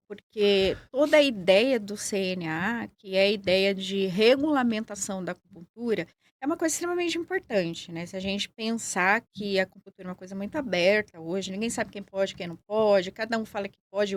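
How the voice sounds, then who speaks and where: A woman with a São Paulo accent, answering interview questions in a measured, explanatory way. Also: mid-range voice. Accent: Paulista Brazilian Portuguese. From São Paulo, Brazil. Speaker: guest, acupuncturist and nurse.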